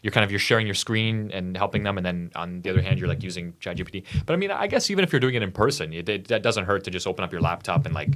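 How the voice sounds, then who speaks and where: Young man, deep voice, rapid casual chat, rambling with fillers and restarts. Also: lively intonation, fairly bright tone. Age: young adult. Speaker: podcast co-host.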